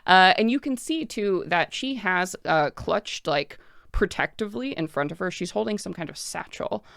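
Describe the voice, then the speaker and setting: A woman narrating a tabletop game as game master, improvising in a casual, excitable way with lots of filler words. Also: lowish voice, normal speed, creaky, no room sound, clean studio sound.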